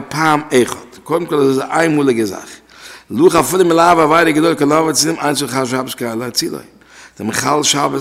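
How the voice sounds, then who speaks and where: A man's voice: medium pitch, vocal fry, a bit bright. A man teaching a class on religious law. He repeats key phrases and asks questions aloud. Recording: long reverb from a hall.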